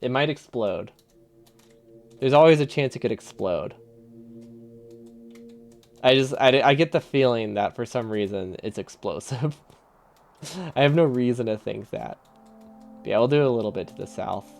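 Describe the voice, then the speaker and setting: A man's voice: mid-range voice, lively intonation, measured pace, creaky, long pauses, darkish tone. A man streaming a video game live, thinking aloud, chuckling often and answering his chat in a casual, easily amused way.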